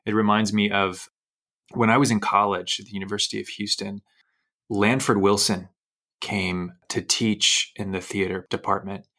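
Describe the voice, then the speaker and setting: Male podcast host, a little low in pitch, chatty and animated, wanders through his anecdotes. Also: moderate pace. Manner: animated, rambling storyteller. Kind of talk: conversational interview.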